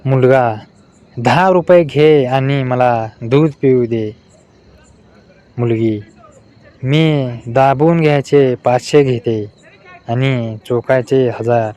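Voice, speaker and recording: A man reading out a string of short adult jokes in a flat delivery. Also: medium pitch, slow, pauses often. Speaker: joke narrator.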